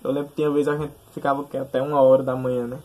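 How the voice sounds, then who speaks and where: A man's voice: medium pitch, little pitch movement, racing, warm tone. A young man telling his side of a personal story casually, searching for words and often adding tag questions. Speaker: testimony speaker. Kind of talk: casual conversational testimony.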